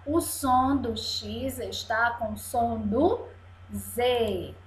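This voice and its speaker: A woman's voice: fairly high pitch, drawn-out words. A woman teacher gives a video lesson to young children, patiently drawing out each word syllable by syllable. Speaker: primary school teacher. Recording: echoey room sound.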